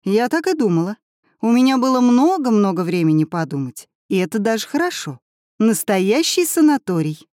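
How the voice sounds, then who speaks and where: A woman reading an audiobook, voicing a calm and cheerful older female schoolteacher in a kindly, brisk manner. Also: medium pitch, no room sound, clean studio sound, pitched above the performer's own voice, natural voice. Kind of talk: audiobook character voice.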